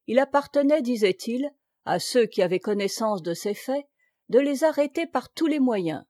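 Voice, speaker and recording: A woman narrating a classic novel as an audiobook, in a measured, even storytelling manner. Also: a little high, no room sound, studio quality.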